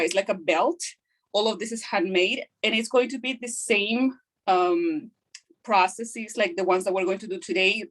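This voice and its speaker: A Guatemalan woman whose first language is Kaqchikel teaches a craft hands-on over a video call. Her voice is mid-range, and she explains things hesitantly with frequent fillers.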